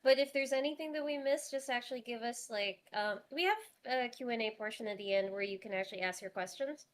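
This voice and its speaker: A woman's voice: fairly high pitch, quick pace, a little hiss or hum. A woman co-hosting a casual livestream, explaining things in an informal, tentative way with repeated words. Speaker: writer-director co-hosting a stream.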